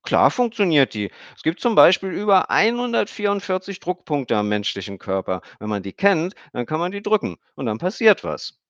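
A man's voice: on the high side, very animated, normal speed, hardly any pauses, a bit bright, smooth, no echo, pitched above the performer's own voice. A blunt, know-it-all little girl from a storybook who rattles off facts in a matter-of-fact, lecturing way, as a male narrator puts her on. Her voice sits well above his own. The recording is dry and a little dull. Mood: confident.

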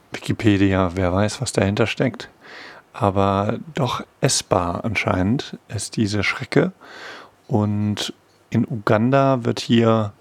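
Middle-aged male host, informal explainer, husky and creaky, wry and musing. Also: mid-range voice, no room sound. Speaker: host of a monthly sound feature.

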